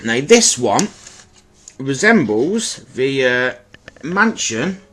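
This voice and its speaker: His medium-pitched voice has a slightly bright edge, though it's bunged-up and stuffy from a blocked nose. He presents an item in his own video, offering informal, rambling, apologetic commentary in a casual unboxing style.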